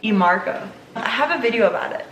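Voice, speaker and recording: A woman's voice: a little high, lively intonation, quick pace, roomy sound, heavy background noise. A young woman with a New Zealand accent, chatting casually and giggling as she answers questions about her reef aquarium at home. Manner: chatty, giggly, lots of fillers. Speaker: reef aquarium channel host. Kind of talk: casual Q&A chat.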